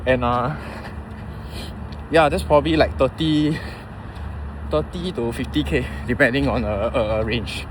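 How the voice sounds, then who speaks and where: Singaporean guy in his 30s doing a casual vlog, halting and thinking out loud, traffic noise behind him. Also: mid-range voice. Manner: informal, halting, thinking aloud. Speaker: running vlogger. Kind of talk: casual rambling vlog chat. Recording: clear outdoor traffic and vehicle noise.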